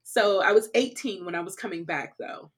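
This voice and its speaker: A woman from California, a podcast interview guest, telling travel stories in casual conversation, animated and quick to laugh, with frequent "like" and "you know". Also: mid-range voice.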